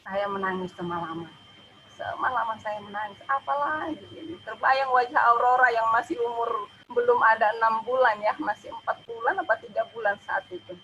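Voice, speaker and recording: Bright-voiced woman giving an emotional testimony. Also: a little high, muffled recording, slight background noise. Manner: emotional, halting, often adds "ya". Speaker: church testimony speaker. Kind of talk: personal testimony.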